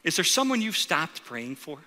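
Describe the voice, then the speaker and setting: Animated male pastor preaching in reverberant hall. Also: a little high, normal speed, slight background noise. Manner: animated, acts out quoted voices, rhetorical questions. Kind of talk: sermon storytelling to a congregation. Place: large church auditorium. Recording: reverberant auditorium.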